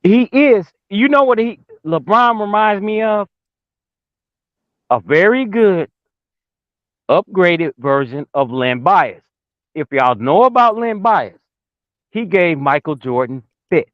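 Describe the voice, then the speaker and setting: Halting, muffled man arguing basketball. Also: high-pitched, expressive, no echo. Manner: hesitant, many fillers and restarts, gets talked over. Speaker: guest debater. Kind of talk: heated casual debate.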